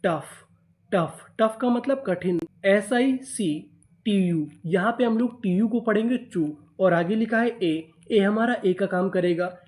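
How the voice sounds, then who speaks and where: A man's voice: high voice, takes it slowly, darkish tone. A man teaching English reading in Hindi, spelling out each word letter by letter and asking and answering his own questions.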